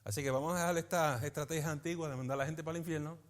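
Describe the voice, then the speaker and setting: A man, a pastor teaching a Bible study in a lively preaching manner, often asking his listeners for agreement. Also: a little high, very fast. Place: church meeting in a school building.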